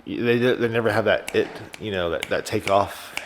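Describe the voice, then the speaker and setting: A man's voice: lowish voice, moderate pace, slight background noise. A man co-hosting a casual podcast chat, joking and musing aloud with many 'you know's. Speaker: podcast co-host.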